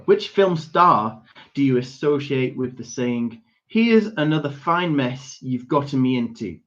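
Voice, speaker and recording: A young man hosts a quiz at an unhurried pace, repeating each question and spelling out words for the teams. He often chuckles and trips over his words before correcting himself. The audio comes through dull and lo-fi. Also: medium pitch. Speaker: quiz host. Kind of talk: hosting an online pub quiz.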